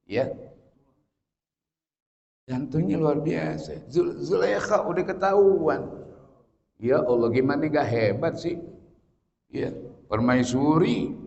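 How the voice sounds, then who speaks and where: A man gives an animated, joking sermon lesson, breaking into loud chanted Arabic and then dropping low and quiet. His voice carries a long hall echo through a dull, lo-fi recording. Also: takes it slowly, vocal fry, long pauses. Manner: animated, joking, jumps between Arabic recitation and slang, swings from loud to soft. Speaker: Islamic preacher teaching tafsir. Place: large prayer hall.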